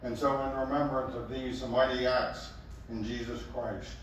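A man's voice: mid-range voice, flat delivery. Solemn man in an echoey chapel. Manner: measured, solemn recitation. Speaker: pastor. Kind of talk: liturgical communion prayer. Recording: echoey chapel, distant mic, faint room noise.

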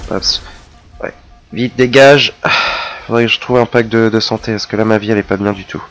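A man giving casual, chatty commentary over his own gameplay, excitable and quick to mock himself. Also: fairly low pitch, faint music behind. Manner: chatty, self-mocking, excitable. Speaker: let's play gamer.

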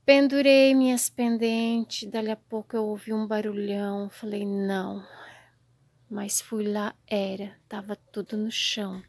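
A woman's voice: medium pitch, little pitch movement, measured pace, darkish tone, no room sound. Dismayed woman near tears, dry sound. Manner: dismayed, sighing, drops to near-whispers. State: close to tears. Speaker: gardening vlogger. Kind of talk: casual vlog to camera. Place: outdoor home garden.

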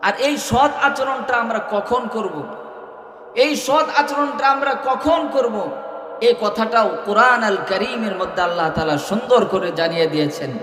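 A man's voice: sits high, fairly bright tone. A man preaching a melodic Islamic sermon, chanting his lines and calling on the crowd to answer back. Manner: chanting, calls for audience responses. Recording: echoey hall reverb.

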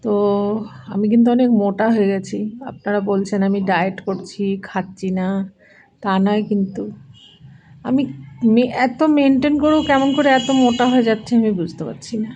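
A middle-aged woman with a hoarse voice chatting casually and haltingly as she narrates a vlog. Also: mid-range voice, steady tone, warm tone, muffled recording. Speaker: vlogger.

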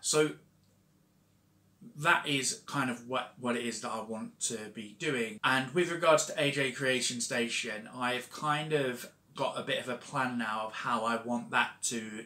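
A young vlogger who self-publishes books chats casually to a fixed camera at desk distance in a shelved home studio. His mid-range voice has a sharp edge, the room is echoey, and he rambles with lots of fillers and restarts.

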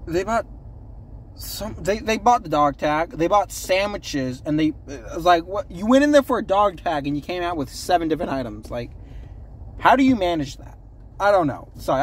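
Sitting in a parked car, a young man vlogger chats casually and unscripted to his phone camera, rambling with lots of ums and self-corrections. His voice is a little high, with a slight hiss or hum in the recording.

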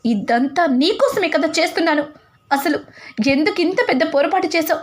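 A woman's voice: sits high, animated, normal speed. A woman voicing a scheming, domineering middle-aged mother who scolds harshly. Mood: anxious.

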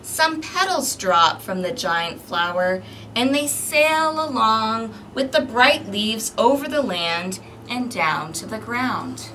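Female children's storytime host, 30s. Bright, forward tone, animated and deliberate delivery, outdoor recording off a distant mic. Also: fairly high pitch. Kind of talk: interactive picture-book read-aloud for young children. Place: outdoors on an apartment balcony. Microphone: camera microphone a few feet away. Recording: outdoor balcony, distant mic, ambient noise.

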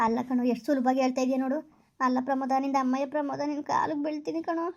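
Brief: woman playing heartbroken girl, high flat pleading tone, muffled lo-fi sound. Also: very fast. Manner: pleading, tearful, repeats please. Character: heartbroken young woman begging her lover. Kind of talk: village skit acting.

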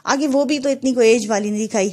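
A woman's voice: on the high side, darkish tone. A woman casually retelling a TV drama episode, chatty and full of fillers as she walks through the scenes. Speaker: drama reviewer.

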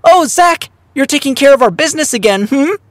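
A man voicing a sweet young woman who works in her father's snack shop, bright and quick to scold. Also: very high voice, flat delivery, dry recording, studio quality, pitched above the performer's own voice. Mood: cheerful. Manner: bright, scolding when crossed.

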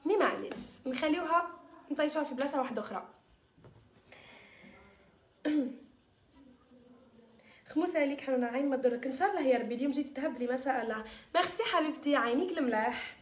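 Algerian woman hosting a casual live stream, high-pitched and quick, mixing in French words, in an echoey room. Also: lively intonation. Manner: chatty, sprinkles French words. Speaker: live-stream host selling beauty mixtures. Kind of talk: casual live-stream chat reading viewer comments.

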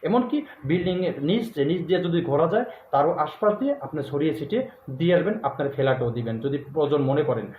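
A man speaking as a spiritual guru, talking slowly and repetitively and chanting a mantra in a drawn-out cadence. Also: on the high side, lively intonation. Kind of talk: instructional spiritual talk to viewers. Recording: echoey, tinny phone-like sound with faint noise.

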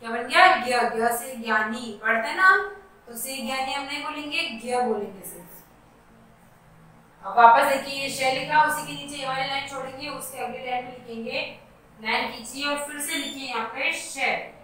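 High-voiced woman teacher in an echoey room. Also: moderate pace, pushed and bright, a little hiss or hum. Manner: patient step-by-step instructions, asking children to repeat. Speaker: kindergarten teacher. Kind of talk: teaching children to write letters. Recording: very echoey room, voice far from mic.

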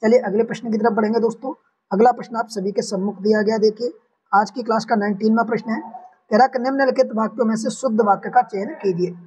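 A man's voice: high-pitched, steady tone, quick pace, a little mellow, far from the mic, a little hiss or hum, poor audio. A man teaching an online exam-prep language lesson, walking through each answer option step by step and repeating the correct ones. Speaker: Hindi exam tutor.

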